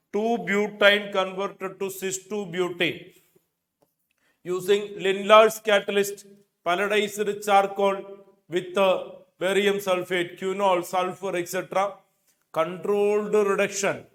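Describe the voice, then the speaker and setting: A middle-aged Indian chemistry teacher works through exam questions in a pretty high, fairly bright voice, going slowly and repeating key phrases so they sink in. The coaching lecture takes place in an indoor teaching studio with a digital board, recorded on a lapel mic.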